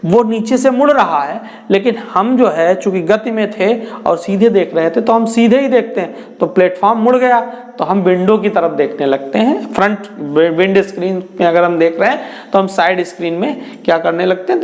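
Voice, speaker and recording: Male tutor with a high voice. Lectures in Hindi, answers his own questions, restates every point. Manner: asks questions and answers them himself; repeats and restates phrases. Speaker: physics teacher. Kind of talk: classroom lecture.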